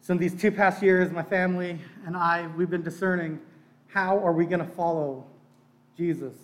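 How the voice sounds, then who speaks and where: Recorded from a distance in a reverberant room, this middle-aged man preaches with a high-pitched, steady voice at normal speed. Born in Bangladesh, he spent part of his childhood in Pakistan with a missionary family, and his sermon is earnest and conversational, built on personal testimony and phrases repeated for emphasis.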